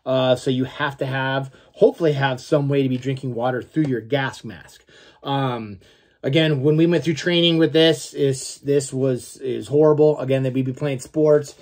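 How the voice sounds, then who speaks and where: A gear reviewer in his forties, with a mid-range, darkish voice, gives a casual product review to camera from a small room at home. He's informal and a little salty, with mild profanity and frequent "okay?" check-ins.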